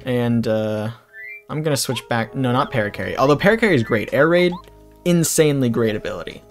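A man's voice: medium pitch, expressive, fairly quick. A man giving casual let's play commentary, rambling through jokey asides as he plays. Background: game music.

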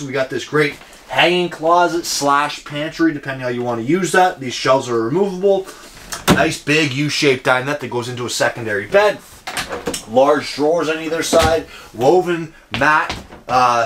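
A man's voice: a little high, a bit bright. Upbeat salesman in noisy camper. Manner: upbeat, jokey salesman patter. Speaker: RV dealership salesman giving a walkthrough. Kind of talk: casual walkthrough tour. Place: inside a small camper trailer.

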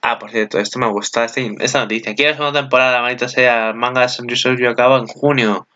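Excitable bright-voiced Spaniard, lo-fi sound. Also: male voice, fast talker. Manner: excitable, chatty, with sudden high exclamations. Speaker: video commentator. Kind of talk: casual reaction commentary.

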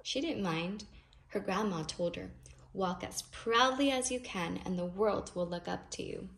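Her voice sits in the mid range, a bit bright with vocal fry, and she reads unhurriedly. The woman is a storybook reader performing a children's picture book expressively, stretching key phrases for emphasis. The home recording is noisy, with clicks.

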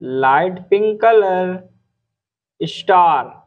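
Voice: medium pitch, animated, extremely slow, phone-quality sound. A voice-over teacher narrating a children's drawing lesson, naming each color and shape one at a time. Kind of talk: slow instructional narration for kids.

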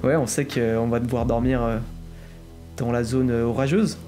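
A young man narrating a cycling trip in a relaxed, storytelling way, with a few filler pauses. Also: medium pitch, faint music behind. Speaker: cycling vlogger. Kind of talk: casual narration of a bike trip.

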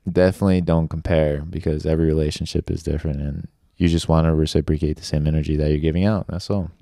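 A man's voice: a bass voice, flat delivery, fast talker, vocal fry, warm tone, no echo, clean studio sound. A young man in his early twenties chatting casually on a podcast, rambling and leaning on fillers like "like" and "you know.". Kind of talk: casual chat.

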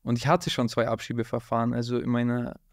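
With a mid-pitched voice, a guest rapper tells animated stories at a fast clip during a relaxed interview, tossing in "Bruder" constantly alongside street slang. A close studio mic on a boom arm, in a dark room with blue lights, records him dry and without echo.

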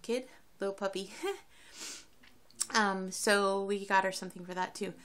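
A woman vlogger chatting casually to camera in a rambling, quick way, full of fillers, as she keeps a daily diet diary. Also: mid-range voice, flat delivery, fairly bright tone.

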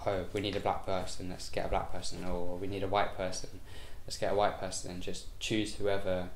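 A young man answers vox pop questions with a very deep voice. He hesitates and restarts, and the room sounds roomy around him. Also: monotone, a little fast, a little hiss or hum. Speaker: interviewee. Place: dark indoor room.

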